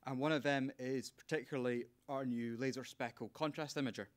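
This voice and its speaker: A man's voice: medium pitch, steady tone, a little fast. A young man giving an earnest, slightly emotional prepared speech as a PhD student at a launch event.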